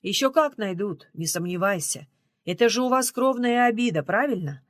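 Woman voicing a gruff, sardonic man. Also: medium pitch, lively intonation, moderate pace, dry recording, clean studio sound, natural voice. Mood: grim. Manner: gruff, ironic, lecturing. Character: weary, sardonic middle-aged man, a driver.

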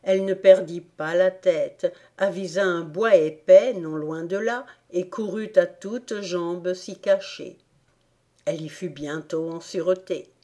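A woman reading a children's classic aloud as an audiobook narrator, in a measured, deliberate storytelling manner. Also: lowish voice, dark tone. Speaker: audiobook reader. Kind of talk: scripted narration.

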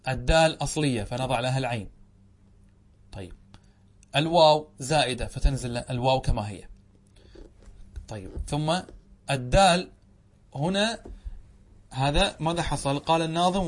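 A sheikh giving a classroom lecture, often asking the class a question and answering it himself, drawing out words slowly. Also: male voice, mid-range voice. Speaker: sheikh teaching a classical text.

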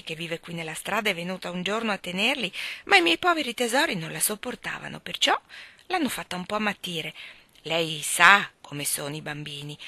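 A woman's voice: medium pitch, bright, forceful tone, dry recording. A woman reading the part of a fussy, doting mother who chatters in a gushing, breathless way.

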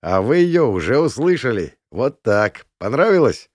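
A man's voice: mid-range voice, big pitch swings, a little slow, a little mellow, no echo, pitched above the performer's own voice. A man voicing an eager young male student who runs a song-guessing game, in a teasing quizmaster manner, in a dry close recording.

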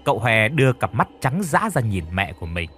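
Man narrating a horror tale, dramatic, lively swooping intonation, soft music underneath. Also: mid-range voice, a little fast. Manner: dramatic, expressive storytelling. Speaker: storyteller.

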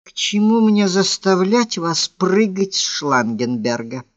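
A haughty, scornful young woman from a classic novel, voiced by a man, speaking in a raised, cold and cutting tone. Her words land slowly and with contempt. The reading comes through a dull, dry, lo-fi audiobook recording. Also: high voice, very animated, dry recording, pitched above the performer's own voice, heavily acted.

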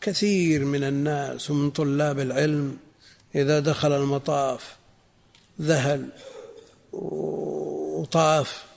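A male scholar explains a religious text, slow and deliberate, and repeats phrases so they sink in. His voice is a little high and gravelly. The archival lecture recording carries a long, hall-like reverb. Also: little pitch movement, darkish tone. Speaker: Islamic scholar teaching a text.

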